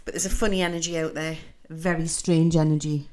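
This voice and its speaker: A middle-aged woman with a low, mellow voice talks her viewers through a spiritual reading. She rambles in a chatty way, drifting into mystical asides. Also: flat delivery, a little fast. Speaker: psychic. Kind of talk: casual livestream spiritual reading.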